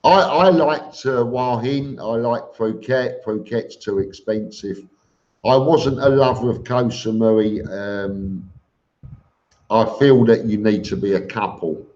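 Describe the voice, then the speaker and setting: A man's voice: lowish voice, slow pace, darkish tone. A man hosting a casual live stream, reading out comments and answering them in an informal, blunt, matey way. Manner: informal and blunt, calls listeners mate. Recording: dull lo-fi live stream audio.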